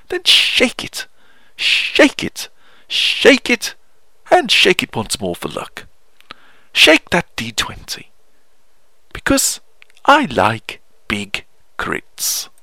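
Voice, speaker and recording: A man's voice: creaky, sharp tone, no room sound, heavily acted. A man putting on a posh, theatrical voice to recite comic verse as a pompous male poet. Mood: rousing. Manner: plummy, sing-song, exaggerated swoops in pitch.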